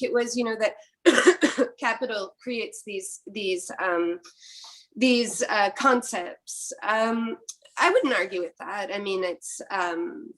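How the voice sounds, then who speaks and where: Speaking a little high and with a bit of brightness, the middle-aged philosopher from Quebec, Canada, a native French speaker, weighs her words on an academic panel and restarts many times.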